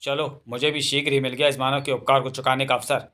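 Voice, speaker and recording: A man's voice: mid-range voice, level tone, brisk, sharp tone, natural voice. A man voicing a cheeky, grateful mongoose who teases. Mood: teasing. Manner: chatty, teasing.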